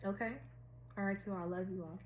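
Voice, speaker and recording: An American woman hosts a casual spiritual chat in a roomy, echoey space with faint noise behind her. Her speech is slightly lisped from wearing a dental retainer. She talks in a deliberate way, repeating phrases for emphasis at a medium pitch. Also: steady tone. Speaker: tarot reader and astrologer hosting a weekly series.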